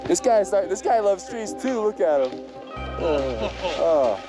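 A man's voice: high-pitched, big pitch swings, slow, over music. A young man filming himself on a camera at arm's length while skiing on snowy slopes, chatting in a laid-back way with lots of "like" and "dude". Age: young adult. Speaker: vlogger skier. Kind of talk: casual vlog talk. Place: outdoors on snowy ski slopes among trees. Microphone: action camera held at arm's length.

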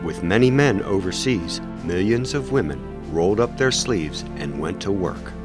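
A man doing measured, formal scripted narration for a documentary. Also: low voice, lively intonation, over music.

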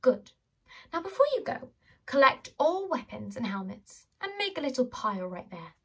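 A woman voicing a huge male bodyguard who speaks low, calm and threatening. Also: normal speed, slightly rough, exaggerated voice. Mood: menacing.

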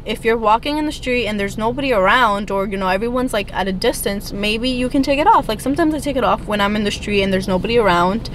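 A woman's voice: medium pitch, fast talker, hardly any pauses, a little hiss or hum, low-quality recording. A woman in her twenties, born in Ecuador and raised in New York City, chatting casually in a vlog from a parked car, with lots of fillers. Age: 20s. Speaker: lifestyle vlogger. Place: parked car, indoors in a kitchen at first.

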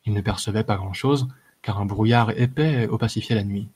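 Husky low-voiced man reading a story. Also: darkish tone. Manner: measured reading with occasional filler hesitations. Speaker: audiobook reader. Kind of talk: narrating a fantasy short story.

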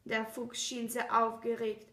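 A woman narrating a storybook in a slow, measured way, recorded with a roomy echo. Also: fairly high pitch, monotone, a bit bright, far from the mic. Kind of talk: storybook reading.

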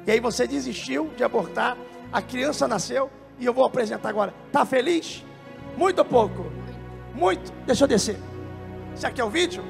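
A Brazilian pastor with a very high, gravelly voice preaches with fervent exclamations, questioning congregants and breaking into tongues. His voice rings through a large reverberant church hall. Worship music plays clearly beneath him. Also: moderate pace. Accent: Brazilian Portuguese. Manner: emotive and exclamatory, bursts into speaking in tongues; talks directly to congregants, questioning them. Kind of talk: prophetic preaching at a televised church service.

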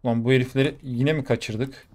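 A young man commentating his own gameplay live, excitable and quick to exclaim and swear in the middle of fights. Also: medium pitch. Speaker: gaming YouTuber. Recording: faint game noise behind. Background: gunfire from the game.

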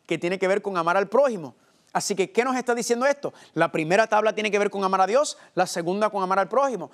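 Male preacher, high voice, expressive sermon, asks and answers his own questions. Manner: preaches expressively, slowing and pausing for emphasis.

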